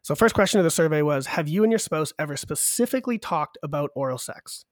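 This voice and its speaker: A man's voice: a little high, expressive, quick pace, no echo, studio quality. A man co-hosting a podcast with a cold, chatting casually and walking through survey numbers in an upbeat way. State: has a cold. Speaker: podcast co-host. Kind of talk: casual chat.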